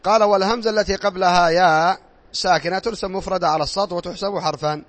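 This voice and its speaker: A man's voice: high voice, steady tone, fast talker. A man teaching a classroom grammar lesson, reading rules aloud, drilling examples and quizzing his pupils in a classroom. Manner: repetitive, drilling tone.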